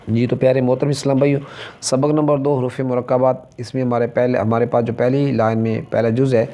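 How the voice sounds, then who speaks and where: Slow pakistani urdu accent guy teaching quran letters, dark mellow voice, names each letter one by one. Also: mid-range voice. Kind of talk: religious lesson with Arabic recitation.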